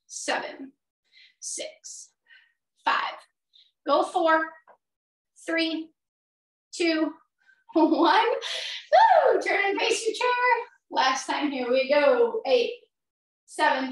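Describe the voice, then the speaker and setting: A middle-aged woman leading a workout as an energetic aerobics instructor, counting and cueing while exercising along. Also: high-pitched. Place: small indoor home gym. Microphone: far camera a few metres away. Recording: roomy echo, distant microphone.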